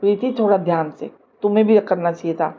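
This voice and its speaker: A woman voicing a caring adult son who gently reasons with his wife and mother, in a told family story. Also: medium pitch, fast, muffled recording, a little hiss or hum, lightly acted. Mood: concerned.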